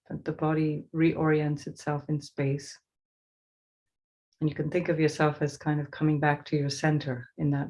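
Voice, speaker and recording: A woman with a low-pitched, darkish voice leads a guided meditation as a teacher. She gives slow, soothing instructions with pauses.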